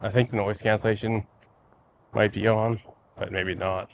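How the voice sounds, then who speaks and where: A man talking casually to his vlog as he walks outdoors, musing and halting as he goes. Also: on the low side, flat delivery, gravelly. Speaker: vlogger. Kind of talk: casual walking vlog chat. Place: outdoors, walking by lakes in a neighborhood before sunrise. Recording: outdoor ambient noise while walking.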